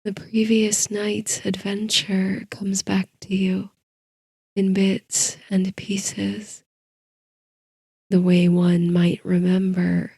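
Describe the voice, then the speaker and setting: A woman narrating a scripted sleep story in a soft, hushed, soothing manner, leaving drawn-out pauses between phrases. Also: mid-range voice, gravelly, slightly rough, no echo.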